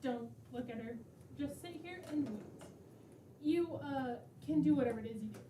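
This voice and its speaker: A woman's voice: sits high, moderate pace, very noisy, natural voice. A woman playing a domineering, impatient wife in an absurdist stage play, curt and commanding. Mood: impatient, scolding. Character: bossy, impatient, domineering wife called Mommy. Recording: echoey stage, far off, loud music.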